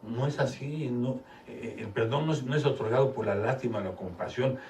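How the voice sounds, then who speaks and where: A man's voice: mid-range voice, normal speed, a little mellow, a little hiss or hum. A man preaching a sermon as pastor, emphatic and often putting questions to his congregation during a church service. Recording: roomy, distant mic, faint ambience.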